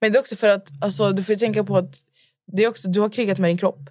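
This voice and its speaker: A woman's voice: mid-range voice, fairly even intonation, darkish tone, dry recording, clean studio sound. A young woman co-hosting a casual podcast chat, telling a story animatedly and acting out both sides of a conversation. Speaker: podcast co-host.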